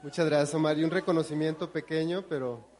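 A man's voice: on the high side, fairly even intonation, fast, a little mellow, a little hiss or hum. A man giving polite, formal thanks to a speaker on behalf of the organizers. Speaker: event organizer.

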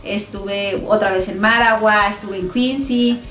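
In a roomy studio with faint music, a northern Mexican-accented woman in her thirties from Chihuahua, a guest singer and missionary, discusses her faith on the radio. She speaks in a steady, mid-range voice at a measured pace, warm and chatty, laughing and filling her talk with fillers.

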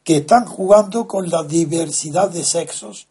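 A man, speaking as a guest in a slow, deliberate, lecturing way, leaning hard on key words. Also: on the high side, warm tone, husky. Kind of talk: measured explanatory talk.

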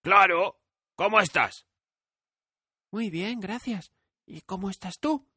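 Storybook girl, soft and wondering, high and bright, played by a man. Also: takes it slowly, breathy edge, dry recording, clean studio sound, full character voice. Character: curious, kind little girl traveler. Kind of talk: audiobook character voice.

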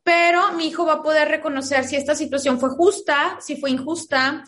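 A woman with a high voice speaks as a guest in an interview, talking as a mother. She explains her views through lively anecdotes and often acts out the dialogue in them. Her delivery is conversational and animated. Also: brisk. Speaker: guest, a mother of school-age children.

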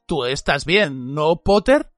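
A grizzled old wizard teacher growls his warnings, as a man acts him out. His lively voice swings hard between a low rumble and sharp emphasis. A dry, close recording with faint music behind the storybook reading. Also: slow pace, no room sound. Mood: gruffly gentle. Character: grizzled gruff old male wizard teacher, stern and watchful. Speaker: voice actor in an audiobook.

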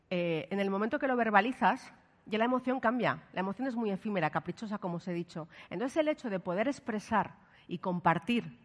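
Woman speaking in a reverberant hall. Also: mid-range voice. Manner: lively, asks the audience questions, frequent "¿vale?". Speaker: speaker giving a workshop talk. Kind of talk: live talk to an audience.

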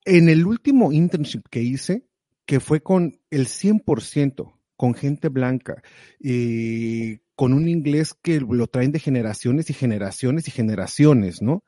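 Animated motivational man, dry close sound. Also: mid-range voice, takes it slowly, no room sound. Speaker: guest sharing advice. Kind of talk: casual conversational advice.

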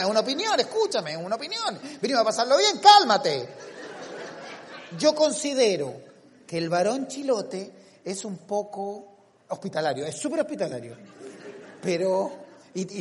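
Animated Chilean comedian, high voice. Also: male voice, long reverb tail. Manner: teasing, animated, quick asides. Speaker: stand-up comedian. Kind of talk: stand-up set and street interviews.

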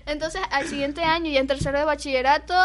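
A young woman tells a school anecdote in a high-pitched voice. Her delivery is lively and animated, like a casual chat among friends. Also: fast, very noisy. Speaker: storyteller.

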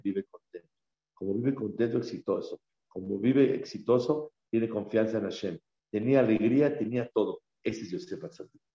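A man teaches a religious class, hammering home key phrases and quizzing his listeners. His voice is lowish and mellow, rising to loud exclamations and dropping to near-murmurs. It echoes around the room on a slightly dull, lo-fi recording. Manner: emphatic, swings from loud exclamations to low murmurs; repeats key phrases for emphasis, asks the audience questions. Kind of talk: Torah class in Spanish.

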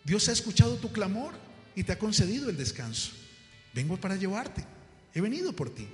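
A preacher voicing a calm, reassuring messenger who has come to take a man away. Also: high voice, fairly quick. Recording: echoey hall with faint music.

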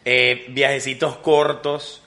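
A man's voice: medium pitch, level tone, slow, bright, forceful tone. A man, co-hosting a casual podcast chat, joking and slangy, fond of repeating phrases for comic effect. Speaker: podcast co-host.

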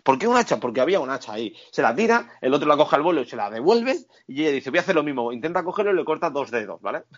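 A man's voice: a little high, fast, few pauses. Swearing man recapping a film, lo-fi audio. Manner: animated, profane, tags lines with "¿vale?".

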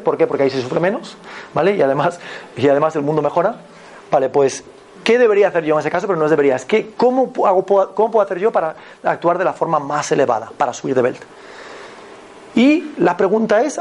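Upbeat Spanish mentor, slightly high voice. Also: male voice. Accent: Spain Spanish. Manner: animated, repetitive, addresses listeners directly with "vale?" checks. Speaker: personal growth mentor. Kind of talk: motivational talk to an audience.

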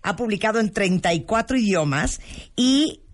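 A woman hosting a radio show in a studio, talking quickly and chattily and often cutting in. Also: mid-range voice, lively intonation. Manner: fast-talking, chatty, interrupting. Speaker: radio host. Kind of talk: casual radio chat.

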